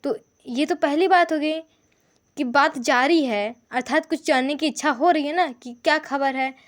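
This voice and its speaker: A woman teaching a grammar lesson, explaining slowly and working through examples from her notes. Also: high voice.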